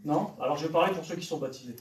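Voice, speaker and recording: In a church hall, an evangelist preacher fires direct questions at young people, his male voice a little high and his delivery rapid-fire. The recording is distant and echoey.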